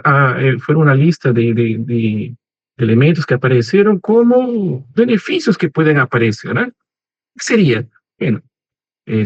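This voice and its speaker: A Peruvian professor in his forties from Lima, speaking with some Portuguese-tinged wording, gives a guest webinar talk in an unhurried, conversational way, peppering sentences with "¿no?" and "¿eh?". His voice is on the high side with no echo, though the online call audio is slightly muffled.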